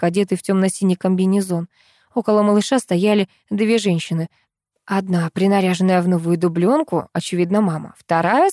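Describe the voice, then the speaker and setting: Woman, audiobook narrator, first-person story, even ironic delivery, mid pitch, dry close mic. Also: no echo.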